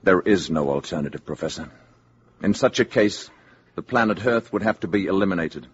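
An actor playing a calm, grave, courteous alien emissary in a measured, formal 1950s radio drama style. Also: male voice, sits low, husky, heavily acted. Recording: dull 1950s radio recording.

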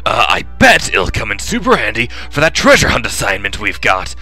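A man voicing an eager, easily flustered young student adventurer from a video game, in an expressive, dramatic and casual way. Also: lowish voice, a little fast, faint music behind, heavily acted. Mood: sheepish, casual. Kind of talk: acted video game dialogue reading.

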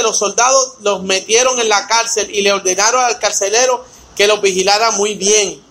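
A man's voice: very high-pitched, pushed and bright, poor audio. A man leading a Bible study. He reads scripture aloud, then explains it with rhetorical questions and talks to his listeners by name. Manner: addresses listeners by name in a conversational way.

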